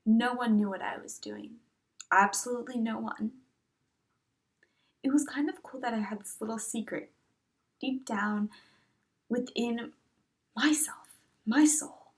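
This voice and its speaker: A woman vlogger telling a personal story in a lively, breathless way, sometimes breaking into song. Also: fairly high pitch, unhurried, long pauses. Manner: breathless excited bursts, sings along. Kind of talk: storytelling voice-over.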